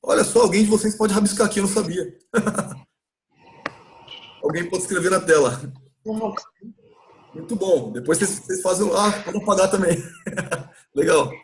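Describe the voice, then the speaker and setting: High-voiced Brazilian man teaching English. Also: a little hiss or hum. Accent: Brazilian Portuguese. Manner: explains patiently, repeats words slowly to model pronunciation. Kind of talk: live online class recap.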